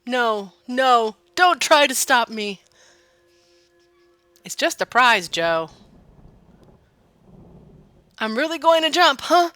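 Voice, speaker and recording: A woman's voice: mid-range voice, lively intonation, normal speed, sharp tone, no room sound, pitched above the performer's own voice. A woman voicing a melodramatic old male farmer from a video game, folksy and theatrical. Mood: despairing, melodramatic. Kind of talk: video game character read-aloud.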